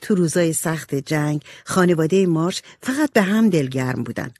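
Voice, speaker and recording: A narrator reading a children's storybook aloud, with expressive delivery. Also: mid-range voice, dry recording, studio quality. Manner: expressive, varied intonation.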